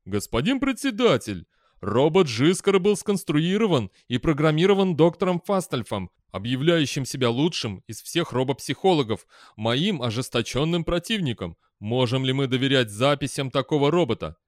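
Brief: male reader doing an agitated, defensive scientist, pitched up, dry close mic. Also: very animated, moderate pace, no room sound, close to an everyday voice. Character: indignant, cornered male scientist.

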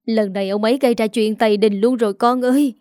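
Woman voicing an aging mother, shrill and tearful. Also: fairly even intonation, fast talker, a little mellow, no echo, studio quality, natural voice. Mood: indignant.

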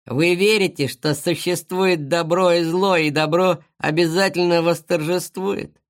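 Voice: medium pitch, fairly even intonation, voice pushed up, natural voice. Storybook villain, a mocking male beast who drawls every taunt, as a reader puts him on. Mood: sneering. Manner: slow, taunting, sneering delivery.

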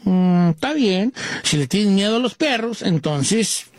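A man's voice: sits high, animated, measured pace, slight background noise. A man voicing an old, wise wizard. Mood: calm. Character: old mysterious male wizard, calm and wise.

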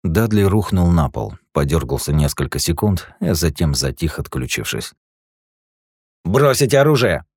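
A man narrating an action audiobook in a steady storytelling manner. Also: very deep voice, normal speed, hardly any pauses, breathy edge, no echo, studio quality.

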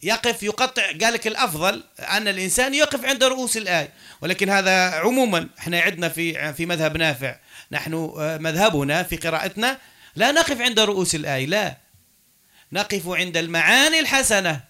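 A man with an Algerian Arabic accent gives a classroom lecture in a high, quick, sharp voice with lively intonation. He blends dialect with classical Arabic and keeps asking his students questions while he explains.

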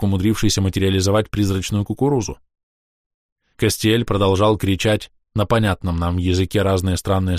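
A man's voice: fairly low pitch, no echo. Man narrating a fantasy audiobook, dry. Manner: even, measured storytelling.

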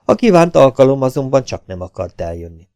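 A man with a Hungarian accent narrating an audiobook in an even, measured reading. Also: mid-range voice, no room sound, clean studio sound. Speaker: audiobook reader.

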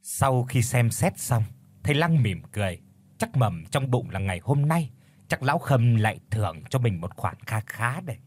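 A man narrating a ghost story in a dramatic, expressive way. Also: mid-range voice, moderate pace, slightly rough.

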